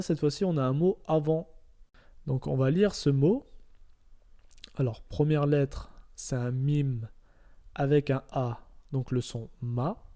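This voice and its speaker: A man's voice: mid-range voice, dark tone. A man teaching Arabic reading step by step, patient and repetitive, often checking in with his listeners. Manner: patient, repeats each step, checks with "d'accord?". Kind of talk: step-by-step lesson.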